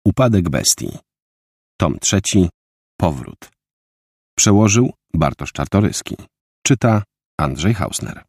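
A man narrating an audiobook with a vivid, expressive reading. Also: low-pitched, slow, vocal fry, long pauses, slightly rough, no echo, clean studio sound.

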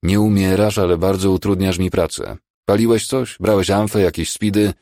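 A man voicing a calm, firm emergency doctor in an audiobook. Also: sits low, normal speed, no echo, studio quality, pitched above the performer's own voice. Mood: curt.

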